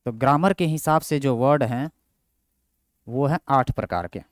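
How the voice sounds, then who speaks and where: A man's voice: mid-range voice, a little slow, dry recording, clean studio sound. A young man teaching a grammar class, who keeps asking his own questions and answering them. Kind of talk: Hindi grammar lesson with English terms.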